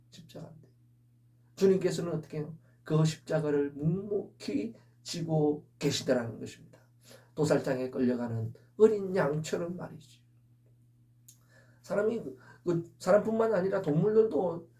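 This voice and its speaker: A man's voice: high-pitched, mellow, far from the mic. A man preaching an Easter sermon as pastor, earnest and full of rhetorical questions.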